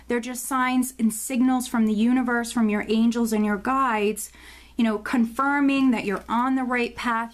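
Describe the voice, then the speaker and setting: Breathless woman reading tarot, high voice. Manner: rambling, with frequent fillers and restarts. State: often out of breath. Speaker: tarot reader. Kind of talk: casual monthly tarot forecast.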